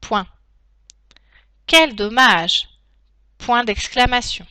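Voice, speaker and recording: A woman teacher dictating a text to pupils, phrase by phrase, in a deliberate, carefully articulated way with pauses. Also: a little high, sharp tone, clean tone, no echo. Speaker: primary school teacher.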